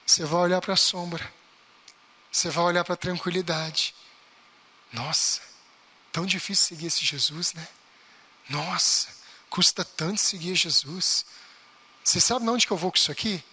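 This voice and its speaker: A man from Brazil, preaching a lively baptism class sermon and acting out everyday complaints. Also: high-pitched, normal speed, long pauses, slightly rough. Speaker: pastor.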